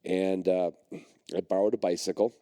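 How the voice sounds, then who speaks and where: A man's voice: low-pitched, level tone, normal speed, dark tone, no room sound, studio quality. A middle-aged man hosting a podcast, telling a personal story in a rambling way, full of fillers and restarts. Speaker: podcast host and dog trainer.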